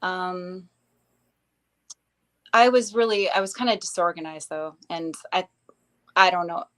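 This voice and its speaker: A young woman, a guest in an interview, telling her life story in a hesitant, casual way with many pauses and restarts. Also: lowish voice, fairly bright tone. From grew up in Bangladesh, later Canada.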